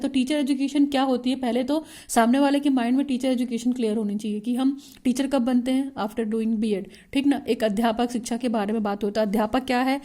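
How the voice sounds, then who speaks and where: Mellow-voiced woman lecturing. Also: a little high. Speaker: teacher. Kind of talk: online lecture.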